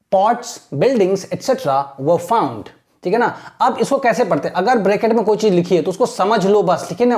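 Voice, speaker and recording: A man teaching a casual spoken lesson in a chatty, encouraging way. He keeps checking in with the listener and slows right down when he spells out English words. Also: high voice, darkish tone. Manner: urging, motivational.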